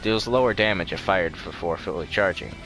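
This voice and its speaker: A young gaming channel host runs a casual let's-play over game music, rambling, joking, and often correcting himself. His voice sits low, with a brisk pace and a fairly bright tone.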